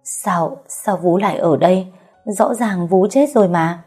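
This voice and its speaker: A woman's voice: fairly low pitch, a little slow, a little mellow, husky, soft background music. A woman voicing a grieving young wife who wails and pleads through tears. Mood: frightened stammer. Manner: wailing, tearful pleading.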